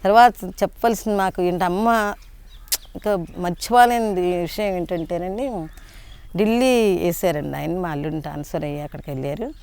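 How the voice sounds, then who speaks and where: An older woman telling personal memories in a polite, halting conversational way, often restarting her sentences. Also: medium pitch, darkish tone, smooth. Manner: polite, frequent respectful "andi", halting restarts. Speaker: interviewee sharing devotional memories.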